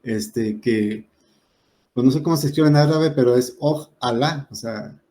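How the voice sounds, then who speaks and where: Un hombre con acento mexicano da una clase de gramática, explica con ejemplos y rellena pausas con "este". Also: male voice, medium pitch, mellow. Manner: explains with examples, many "este" fillers. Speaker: teacher. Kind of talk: class lecture.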